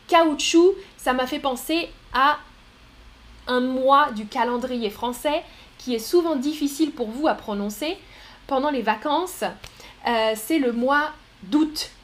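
A woman teaching pronunciation in a live-streamed lesson, saying each word slowly and repeating it carefully. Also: a little high.

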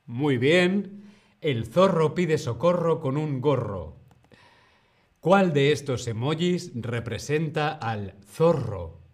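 A man teaching Spanish on a live stream, speaking slowly and over-articulating each word for learners. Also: fairly high pitch, expressive. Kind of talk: live online language lesson.

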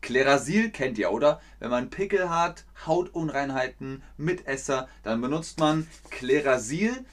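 A man from northern Germany with a northern German accent, teaching a playful livestreamed language lesson and acting out insults in sudden loud bursts. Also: mid-range voice, expressive, measured pace, hardly any pauses.

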